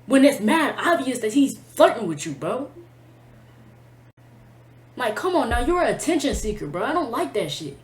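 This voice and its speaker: A woman's voice: fairly high pitch, big pitch swings, moderate pace, pauses often. A woman telling a personal storytime to camera in a blunt, profane, emotional way, full of slang. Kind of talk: casual storytime vlog. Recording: echoey room.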